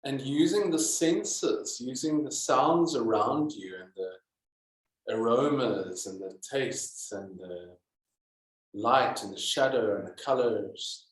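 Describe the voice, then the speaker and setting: This yoga teacher, a man of medium pitch, walks listeners through meditation calmly and deliberately, leaving plenty of pauses. The sound carries a roomy echo.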